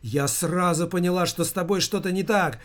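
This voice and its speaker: A man reading an audiobook voices a hysterical, anxious middle-aged mother with a shrill, pleading manner. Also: moderate pace, natural voice.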